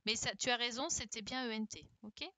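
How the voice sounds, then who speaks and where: A woman's voice: fairly high pitch, brisk, pushed and bright, dry recording. Woman primary teacher in a video-call class, encouraging, spells word endings letter by letter, dry close sound. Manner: patient and encouraging, often checks with "d'accord?". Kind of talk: online class, correcting exercises with pupils. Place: home, virtual classroom.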